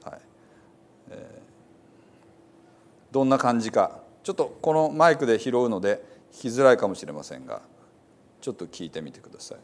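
A man's voice: medium pitch, animated, moderate pace, long pauses, a little hiss or hum. A man, a pastor, talking casually to his congregation in a chatty, amused way. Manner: chatty, amused, reads quotes with a laugh.

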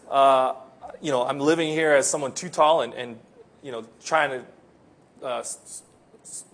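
A Filipino-born man raised in the United States, speaking with an American accent, delivers an earnest sermon as a pastor and slows down to emphasize key phrases. His voice sits in the mid range with a fairly bright tone.

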